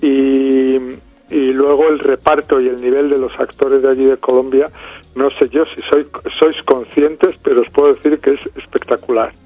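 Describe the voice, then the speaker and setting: A man's voice: medium pitch, little pitch movement, normal speed, no echo, soft background music. A man with a Spanish accent from Spain, a film director talking thoughtfully in an interview, with many fillers and restarts. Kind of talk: interview over the phone. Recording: tinny phone line.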